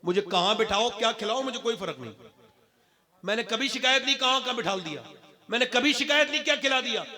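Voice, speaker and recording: A man delivering an impassioned sermon to a crowd, moving from low conversational talk to loud shouted declamation and asking the audience questions. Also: animated, fairly quick. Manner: addresses the crowd directly with questions. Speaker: religious orator. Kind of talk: impassioned sermon at a public gathering. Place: stage at a large religious gathering.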